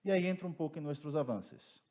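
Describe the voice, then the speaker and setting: A man's voice: on the high side, animated, dark tone. Brazilian man speaking Portuguese-tinged Spanish. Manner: Spanish mixed with Portuguese, careful and deliberate. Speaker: petrochemical company representative, panelist. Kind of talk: prepared remarks at a conference panel.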